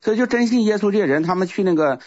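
Fast-talking man. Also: sits high, lively intonation, a little mellow, no echo. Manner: rambling, repeats words, restarts often. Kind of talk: casual spoken testimony. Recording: muffled lo-fi recording.

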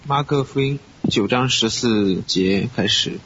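Male scripture reader, steady and measured, on a dull recording with faint hiss. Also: medium pitch. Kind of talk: reading scripture aloud.

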